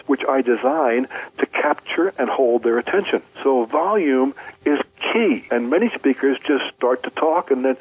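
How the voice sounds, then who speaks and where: Husky-voiced man explaining public speaking. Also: medium pitch, poor audio. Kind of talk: explanatory interview answer.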